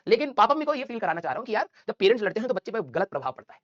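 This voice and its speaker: A male teacher telling a funny childhood story to his class in a quick, animated way, with chatty asides to the students. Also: high voice, dry recording, muffled recording.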